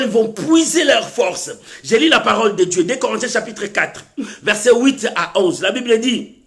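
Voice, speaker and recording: Male preacher, very high and bright, shouted sermon with hushed asides. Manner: alternates shouted exhortation with low intimate asides; repeats phrases and calls out hallelujah. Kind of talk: impassioned French sermon.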